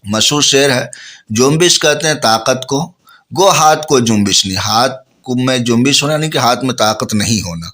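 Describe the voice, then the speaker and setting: A man teaching a ghazal. He recites each couplet slowly, then explains it plainly to his listeners, and has a bit of a cough. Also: medium pitch, animated, fairly bright tone. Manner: addresses listeners as friends. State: coughing, slightly hoarse. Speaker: Urdu poetry teacher.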